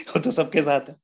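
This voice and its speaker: Brief: a male motivational speaker with a fairly high voice, addressing a business meeting in a chatty, joking way and leaning on rhetorical questions. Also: husky. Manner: rhetorical questions with a constant "है ना?" tag; chatty, joking, laughs at his own points. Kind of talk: motivational seminar talk.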